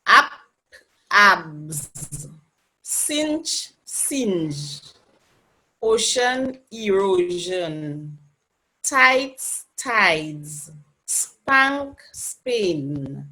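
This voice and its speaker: A woman student reads word pairs aloud, extremely slowly and deliberately. Her voice is bright and clear, rising and falling widely from word to word. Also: mid-range voice, poor audio. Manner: slow, careful word-by-word reading. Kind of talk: reading a pronunciation drill.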